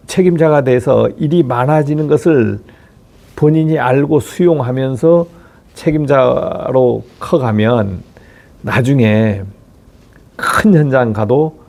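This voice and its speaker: Middle-aged facilities chief, gravelly husky voice, blunt rhetorical lecture with swearing. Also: male voice, medium pitch, mellow. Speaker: facility management chief giving career advice. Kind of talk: motivational talk to viewers.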